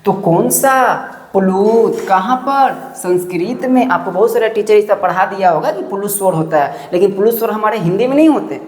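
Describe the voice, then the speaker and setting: A woman's voice: mid-range voice, moderate pace, darkish tone. A woman teaching a grammar lesson step by step and quizzing her students with rhetorical questions. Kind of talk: classroom-style online lesson. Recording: echoey room with long reverb.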